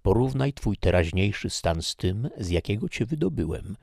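A man's voice: fairly low pitch, sing-song, moderate pace, vocal fry, darkish tone, no echo, studio quality, voice pushed up, heavily acted. A man voicing a jealous, anxious middle-aged marquis in an earnest, restrained way.

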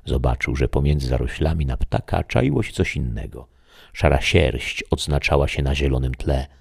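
A male audiobook narrator reading a fairy tale in a calm, even way. His voice sits extremely deep, with heavy vocal fry and a husky, rough texture. The telling stays measured and steady throughout. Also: no room sound, clean studio sound.

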